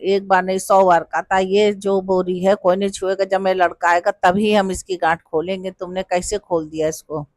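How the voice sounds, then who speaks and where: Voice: medium pitch, flat delivery, moderate pace, hardly any pauses, no echo, natural voice. A stern, wealthy old mother-in-law in a devotional folk tale scolds and repeats herself, voiced by a storyteller. The voice stays close and dry, with no room sound. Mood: scolding. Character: stern rich older mother-in-law, angry.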